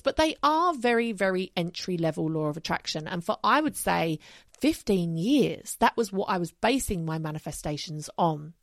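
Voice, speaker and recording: A woman's voice: fairly low pitch, dry recording, clean studio sound. A woman giving casual advice in an upbeat, tidy vlogger manner, chatty, emphatic and playfully sweary. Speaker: host of a self-help show on manifesting. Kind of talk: casual solo advice talk.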